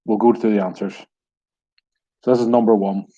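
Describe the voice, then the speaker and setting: A man running a pub quiz from home, with a low, mellow voice and a wry, self-mocking manner. The sound is dull and lo-fi. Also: fairly even intonation, normal speed. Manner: wry, self-deprecating, chuckling. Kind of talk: casual online quiz hosting.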